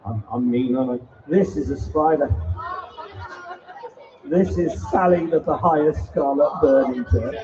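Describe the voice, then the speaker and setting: A man's voice: on the high side, measured pace, pauses often, music in the background. A man presenting spiders at a live invertebrate show, teasing and bantering with the audience. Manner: jokey, teasing banter with the crowd. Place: indoor event hall. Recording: muffled live stream mic from a distance.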